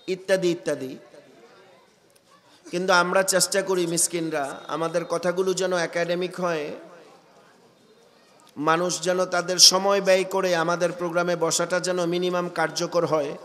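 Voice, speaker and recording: A preacher with a cold delivers a sermon in a high, ringing voice that carries a sharp, forceful edge. He keeps putting questions to the crowd and then climbs to loud, emphatic peaks. A long reverb from the public address system trails behind every phrase. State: has a cold. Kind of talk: sermon at a religious gathering.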